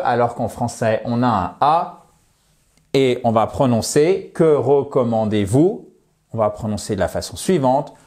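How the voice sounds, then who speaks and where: A man teaches English on video, speaking in an unhurried way. His voice sits a little high for a man. He says example phrases slowly and carefully, with questions rising at the end, then explains how they sound. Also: warm tone. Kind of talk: video lesson.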